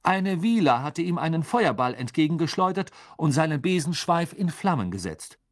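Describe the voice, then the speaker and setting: A man narrating an audiobook in a lively, expressive reading style. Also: fairly high pitch, moderate pace. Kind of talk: scripted narration.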